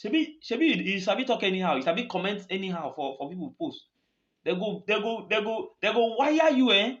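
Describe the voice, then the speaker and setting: A man's voice: high-pitched, animated, fairly quick. A man with a Nigerian accent speaking Nigerian Pidgin in an impassioned, emphatic political monologue, repeating phrases for stress. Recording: dull, lo-fi recording.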